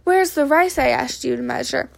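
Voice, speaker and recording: A woman's voice: high voice, moderate pace, vocal fry. A woman reading aloud, voicing a fussy woman of the house who exclaims in dismay.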